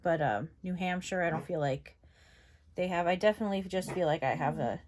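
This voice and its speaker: In a fairly low, slightly mellow voice that moves a little fast, a young New Yorker chats about the makeup she's testing on camera. She's a beauty vlogger with a general northeastern American accent, and her talk is rambling and filler-heavy.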